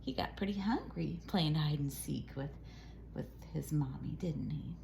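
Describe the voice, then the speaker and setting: A deep, expressive, creaky voice, a little slow, reads a picture book aloud to young children. The woman is an educator using an exaggerated, sing-song storytime manner to model core words in an animated read-aloud. Behind her voice there's loud noise.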